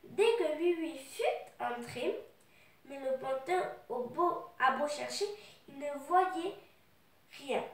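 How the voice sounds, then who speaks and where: High-voiced woman with a cold, reading. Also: animated. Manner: loose, halting retelling with fillers. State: has a cold. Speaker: storyteller. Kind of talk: retelling and reading a children's book. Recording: echoey room, distant mic.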